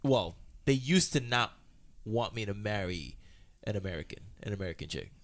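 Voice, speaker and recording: Lowish-voiced man, hesitant podcast chat. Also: lively intonation, moderate pace. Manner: hesitant, searches for words with fillers. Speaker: podcast co-host. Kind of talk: casual chat.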